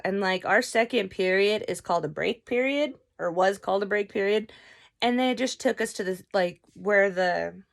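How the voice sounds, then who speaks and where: Gravelly, chatty young woman telling a story. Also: medium pitch. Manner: animated, profane, chatty. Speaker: vlogger. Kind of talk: casual storytelling.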